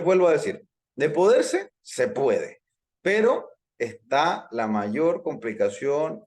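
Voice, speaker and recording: Running a live online hypnosis course, a man speaks in a slightly mellow, medium-pitched voice. He goes on at length, circles back to repeat key points and regularly checks on how his listeners are following.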